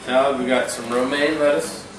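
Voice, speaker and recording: A man's voice: mid-range voice, steady tone, moderate pace, over music. Laid-back man, roomy distant recording. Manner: laid-back, buddy-like banter. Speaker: co-host of a home cooking show. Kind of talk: casual chat. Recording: roomy, distant mic with background noise.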